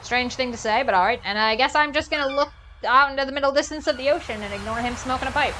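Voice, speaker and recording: A woman's voice: high voice, quick pace, background noise. A woman streamer giving casual, chatty commentary as she plays a game, explaining what she does. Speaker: gaming streamer. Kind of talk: casual let's-play commentary. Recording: loud game music behind.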